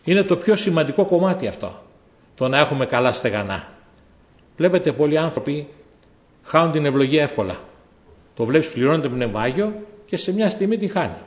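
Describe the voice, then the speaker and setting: Preacher with lively, ringing delivery. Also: male voice, long pauses. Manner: storytelling, swings between loud exhortation and low quiet asides. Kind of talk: sermon. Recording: echoey hall.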